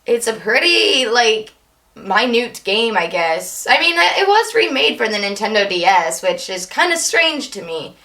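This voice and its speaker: A young woman talks casually to her camera, her voice bright and a little high but worn and strained from tiredness. She rambles and sidetracks, poking fun at herself as she goes. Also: sing-song. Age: young adult. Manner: rambling, self-deprecating, quick asides. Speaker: vlogger.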